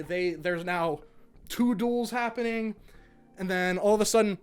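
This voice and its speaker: A man's voice: high voice, a bit bright, clear, resonant tone. A young man giving a casual spoken cartoon review, ranting and swearing in exasperation. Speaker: animation reviewer.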